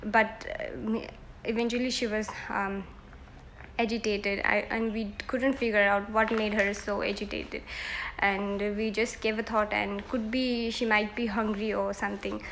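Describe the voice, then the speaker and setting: A woman's voice: medium pitch, little pitch movement, a little slow, fairly bright tone, a little hiss or hum, rough recording. A woman, giving earnest, hesitant answers in a mock job interview. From Nepal. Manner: earnest, hesitant, self-correcting.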